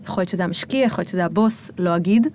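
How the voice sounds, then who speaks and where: A woman's voice: fairly low pitch, a little mellow, slight background noise. A woman guest on a podcast, talking casually and reflectively, with many fillers as she thinks aloud.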